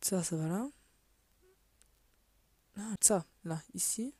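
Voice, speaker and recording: In a close, dry recording with no echo or room sound, a gaming video creator gives casual let's play commentary. Her mellow, dark, slightly rough voice sits on the low side and moves slowly as she mutters, often sinking to a half-whisper and swearing under her breath.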